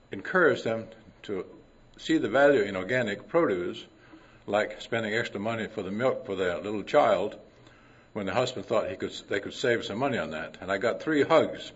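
An older man from Denmark giving a conference talk, clearing his throat often and mixing science with folksy anecdotes. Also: lowish voice. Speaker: conference presenter. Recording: dull lo-fi recording.

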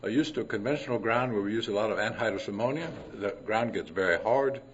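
Older throat-clearing man giving a talk. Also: lowish voice, quick pace, slight background noise. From Denmark. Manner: clears throat often, folksy asides. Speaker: conference presenter. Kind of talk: conference talk with anecdotes. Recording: dull lo-fi recording.

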